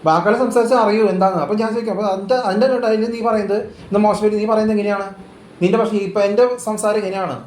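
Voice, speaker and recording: A man's voice: high voice, fairly even intonation, racing, a little mellow. A man in a rambling, casual chat, repeating himself and restarting his sentences. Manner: rambling, repetitive, hesitant restarts. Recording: roomy echo with faint ambient noise.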